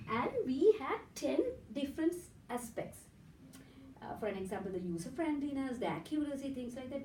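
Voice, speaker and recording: Her voice is a little high and a little mellow: a Sri Lankan woman, native Sinhala speaker with a Sri Lankan accent, giving an academic conference presentation. She explains her points one step at a time, often adding "right?" to check. The recording, made from far off in an echoey hotel conference room, has a little hiss or hum.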